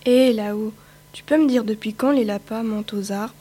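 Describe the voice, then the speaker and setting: A woman voicing a boastful male rabbit who smokes, reading a storybook aloud in a husky voice. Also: fairly high pitch, moderate pace, mellow.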